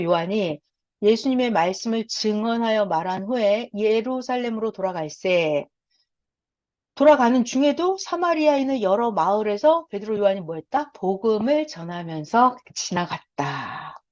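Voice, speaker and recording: A woman's voice: mid-range voice, a little mellow. A woman leading a Bible study, speaking emphatically, repeating her points and asking rhetorical questions. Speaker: Bible teacher. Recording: dull lo-fi sound.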